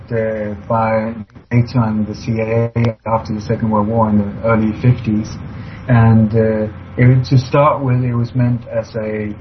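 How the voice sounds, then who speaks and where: A man from Sweden, speaking as a radio interview guest with many pauses and fillers. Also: mid-range voice. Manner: halting, many fillers, emphatic. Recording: dull lo-fi recording, faint hiss.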